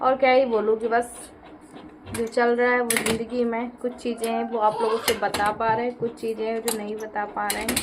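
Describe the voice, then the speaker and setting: Chatty woman vlogger, slightly high voice. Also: little pitch movement, brisk, background noise. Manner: chatty, talks straight to viewers. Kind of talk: casual vlog voice-over.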